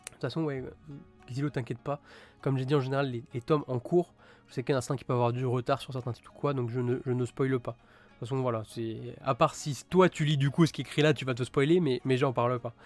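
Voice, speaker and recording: Male streamer, mid-pitched, chatty and halting, soft music under the voice. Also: fairly even intonation. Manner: rambling, many fillers and restarts; enthusiastic about gory titles. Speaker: streamer reviewing manga. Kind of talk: casual live-stream chat.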